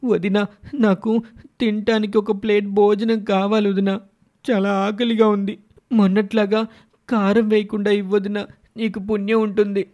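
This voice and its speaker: A man doing a high, whimpering village boy. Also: level tone, moderate pace, a little mellow, dull audio, close to an everyday voice. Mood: begging. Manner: pleading, tearful, whimpering. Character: meek hungry young village boy. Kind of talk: storybook cartoon voice acting.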